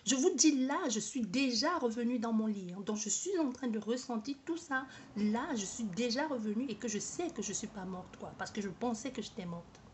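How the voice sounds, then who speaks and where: A woman with a fairly high voice tells her own story straight to the camera. She hesitates, restarts her sentences and repeats words while she searches for how to say things. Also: lively intonation, normal speed, hardly any pauses, a little mellow, slight background noise. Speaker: vlogger. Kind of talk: personal testimony to camera.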